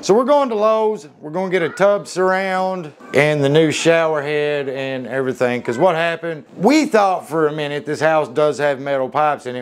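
A man's voice: on the high side, slight background noise. A man, talking casually into the camera in a family vlog in a folksy, chatty way while he looks after his kids. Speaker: family vlogger.

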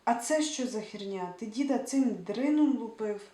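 A woman voicing a panicky, indignant young man who swears and shouts in exasperation, read aloud from a book. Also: mid-range voice, a little fast, close to an everyday voice. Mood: exasperated. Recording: roomy echo, distant mic, faint hiss.

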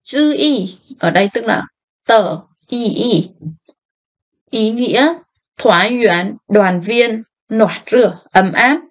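Slow, careful woman language teacher. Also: fairly high pitch. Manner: reads phrases slowly, then explains them. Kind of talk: slow line-by-line language lesson.

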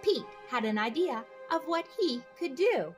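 Soft music accompanies a read-aloud host whose high voice is expressive and unhurried. She performs a children's picture book with sing-song refrains, pausing to pose small questions to her young audience.

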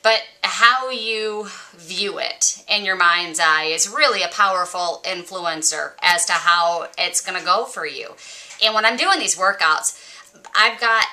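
A woman's voice: medium pitch, sharp tone. A woman fitness vlogger talking casually and earnestly to her viewers about motivation. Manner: earnest, encouraging. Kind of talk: casual motivational talk to camera.

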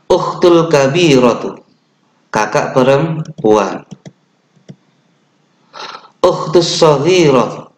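A young male teacher with an Indonesian accent gives a children's online lesson from a webcam at his desk. He talks slowly and patiently, fixing his own slips as he goes. The small room around him is echoey. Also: mid-range voice. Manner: slow, patient explaining with fillers and self-corrections; chants the opening prayer.

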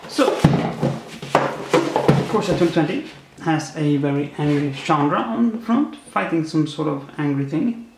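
In a new, still-unfurnished apartment, a man hosts a casual unboxing video and makes wry puns about each card. His voice sits a little high and he takes his time. The bare room makes everything echo, with faint noise underneath.

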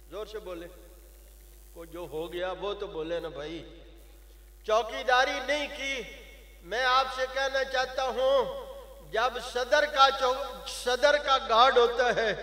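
An older man preaching an impassioned sermon at a mosque gathering, exhorting the crowd and calling on them to answer aloud. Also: extremely high pitch. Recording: echoey hall over loudspeakers.

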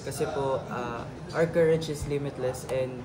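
A man's voice: mid-range voice, steady tone, moderate pace, rough recording. A nineteen-year-old man with a Filipino accent, a boy group member answering politely and eagerly. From Philippines, Taguig. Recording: loud chatter behind.

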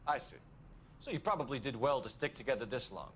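An actor playing a stern, curt 1940s American police detective, a formal beat cop in a video game drama. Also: male voice, medium pitch, animated, quick pace, a little hiss or hum, lightly acted. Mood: coolly skeptical.

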